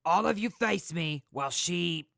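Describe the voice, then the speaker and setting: Woman acting a very creaky, gravelly jail guard. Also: lowish voice, lively intonation, unhurried, a bit bright, dry recording, clean studio sound, exaggerated voice. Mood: awkward, practical. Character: wary, by-the-book jail guard, obtuse and casual. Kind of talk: audio drama acting.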